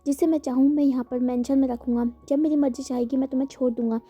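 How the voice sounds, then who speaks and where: A woman's voice: high-pitched, steady tone, quick pace, warm tone, slightly rough. A woman reading the lines of an angry young male mafia boss in a harsh, commanding way.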